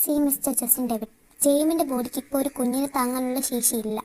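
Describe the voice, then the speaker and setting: Figure: calm hospital doctor, played by a woman. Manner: measured, serious. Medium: fan audio drama. Pitch: very high. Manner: measured, explanatory.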